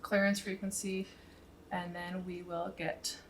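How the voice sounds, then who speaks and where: Her voice is fairly low and fairly flat in pitch, delivered at a measured pace over a faint hiss or hum. The woman, in her thirties, is a pilot and video host giving a casual, think-aloud tutorial while she works, seated near a boom-arm mic with a headset on in a small room at home.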